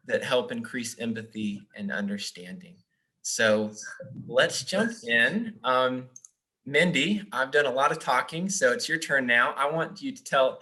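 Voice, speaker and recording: Young male webinar host, bright and forceful tone, friendly, filler-heavy delivery. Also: medium pitch. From Japan. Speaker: webinar host, donor relations officer. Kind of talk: hosting a webinar.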